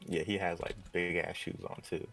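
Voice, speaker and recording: A man with a low voice chats with a friend while he models. His tone has a gravelly fry to it. He is laid-back and teases his friend in loose banter. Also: flat delivery, normal speed, fairly bright tone, soft background music. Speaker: co-streamer, fellow modeller. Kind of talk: casual chat.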